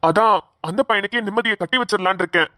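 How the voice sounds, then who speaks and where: A woman's voice: medium pitch, fast talker, pushed and bright, dry recording, studio quality, close to an everyday voice. A woman voicing a stern, stubborn father in a cartoon, who scolds and gives orders. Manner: scolding, bossy. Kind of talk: Tamil cartoon voice acting.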